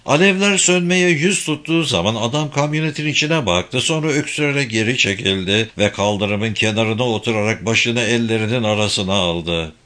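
A man narrates a novel at a steady, measured pace. His voice sits at an ordinary middle pitch for a man, and the reading is scripted and even. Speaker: audiobook reader.

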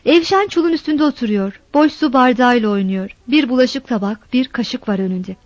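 Brief: high-voiced female storyteller, measured reading, dry and slightly dull recording. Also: dry recording. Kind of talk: scripted narration.

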